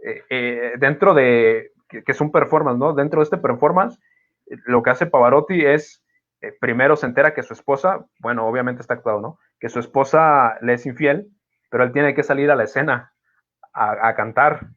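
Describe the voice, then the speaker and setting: A man's voice: medium pitch, moderate pace, fairly bright tone. Man, thoughtful host, hesitant restarts, muffled lo-fi sound. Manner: reflective, many fillers and restarts. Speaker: podcast host. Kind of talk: casual conversation. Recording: dull lo-fi audio.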